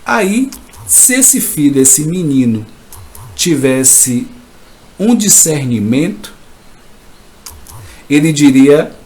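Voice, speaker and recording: A man gives a live motivational talk as a coach. He speaks slowly and emphatically, repeating his points and now and then acting out a shout. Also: fairly high pitch, big pitch swings. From Brazil. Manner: emphatic, repetitive, reenacts shouting.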